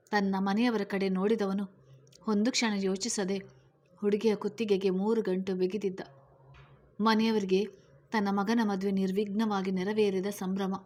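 A woman narrates a serialized story in a steady, measured reading voice. Her pitch stays flat and even in a middle register.

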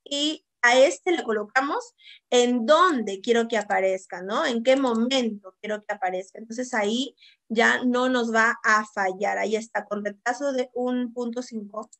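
High-voiced woman teaching a software lesson. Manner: lively, asks rhetorical questions and checks in often. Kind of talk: screen-recorded software tutorial.

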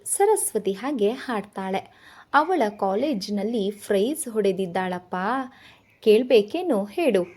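A woman's voice: medium pitch, mellow, breathy edge. A woman voicing a talkative, boastful older village man in a novel reading, with folksy, chatty talk. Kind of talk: storybook narration.

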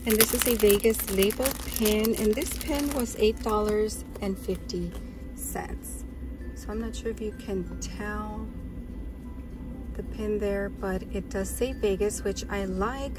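A woman's voice: medium pitch, rough recording. A woman talking chattily and with enthusiasm as she shows off her purchases in a casual vlog, recorded while sitting on her bed. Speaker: vlogger.

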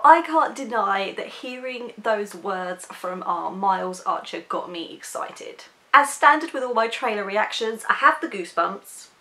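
A woman's voice: mid-range voice, bright, forceful tone. Woman book vlogger, casual chat to camera, candid and apologetic. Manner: chatty, candid, apologetic asides.

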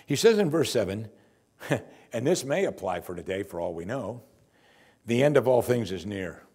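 An older man, a pastor, preaching a sermon from the pulpit of a church in a lively, conversational and wry way, on a lapel mic. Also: lowish voice, moderate pace, husky.

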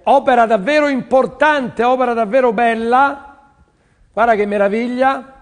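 A man's voice: very high-pitched, moderate pace, in a large hall. A man selling paintings on a TV auction, pushing buyers and repeating his lines to urge them on. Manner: pushy, urging, repeats phrases. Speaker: TV art sales presenter. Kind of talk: televised art auction pitch.

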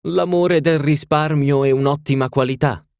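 A man voicing an elderly society duchess, smug and complacent, with a raised and drawn-out delivery. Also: steady tone, creaky, darkish tone, no echo, studio quality. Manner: raised pitch, drawn-out phrasing. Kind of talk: audiobook reading.

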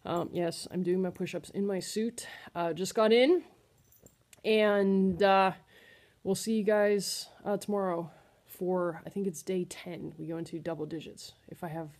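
A woman's voice: fairly low pitch, fairly even intonation, measured pace, a little mellow. A middle-aged woman talking casually to her followers in a video diary, recorded in a living room on a webcam. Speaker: vlogger. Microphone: webcam or laptop mic close in front.

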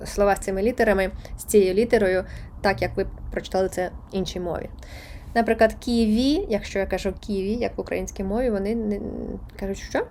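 A woman's voice: medium pitch, darkish tone, slight background noise. A woman teaching a beginners' Spanish lesson online, chatty and encouraging, laughing now and then.

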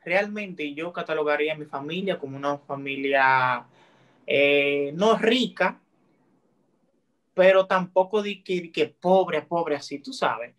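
A 19-year-old man with a Dominican accent, a guest chatting in a relaxed, friendly way on a video-call interview. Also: fairly high pitch, unhurried. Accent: Dominican Spanish. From Dominican Republic. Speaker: guest TikToker. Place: small room indoors.

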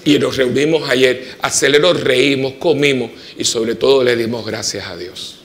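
A man with a Puerto Rican accent, a parish priest preaching a homily full of personal stories, swinging from emphatic peaks to soft, quiet asides. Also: medium pitch, normal speed. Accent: Puerto Rican Spanish. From Puerto Rico. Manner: animated storytelling, rising to emphatic peaks and dropping to soft asides. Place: church.

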